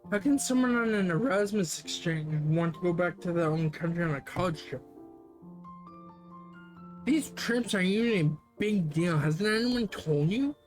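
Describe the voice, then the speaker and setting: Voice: medium pitch, lively intonation, moderate pace, faint music behind. A streamer reading a dating game aloud on a live stream, with sarcastic, swearing asides. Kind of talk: live game read-through with commentary.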